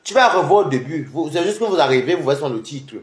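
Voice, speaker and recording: A man's voice: fairly high pitch, animated. A young man ranting on a livestream in a taunting, mocking way. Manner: taunting, mocking, rapid-fire. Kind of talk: heated livestream rant. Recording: echoey room.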